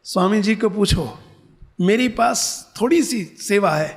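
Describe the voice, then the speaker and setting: A man's voice: sits high, lively intonation, measured pace. A man voicing a pleading old woman. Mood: earnest. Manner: pleading, calling out.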